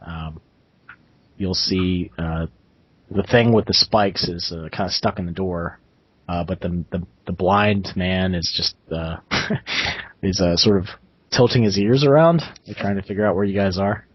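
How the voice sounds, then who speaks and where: A man narrating as game master in a halting way, with many fillers, recorded on dull, dry lo-fi sound. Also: deep voice, breathy edge, no room sound.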